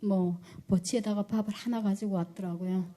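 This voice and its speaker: A woman's voice: medium pitch, fairly even intonation, moderate pace. North Korean woman giving emotional testimony. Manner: reenacts quoted speech loudly with rising intensity. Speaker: church deaconess giving testimony.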